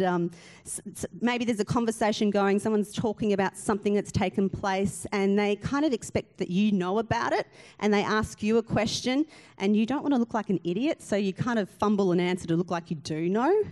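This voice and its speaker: A woman's voice: medium pitch, a little mellow. A woman pastor giving a sermon in a conversational, self-deprecating way, often putting questions to the congregation.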